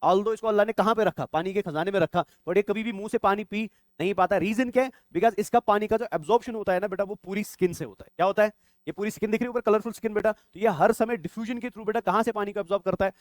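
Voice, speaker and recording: A young adult man with a high-pitched voice talks fast, recorded with no room sound. He's teaching biology for exam prep in a classroom-lecture style, constantly quizzing his students and calling them "beta."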